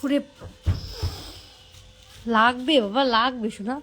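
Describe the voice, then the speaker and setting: A woman's voice: a little high, slow, pushed and bright, a little hiss or hum. A young woman talking to her angry pet dog, soothing and pleading with it, repeating words over and over. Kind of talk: coaxing talk to a pet.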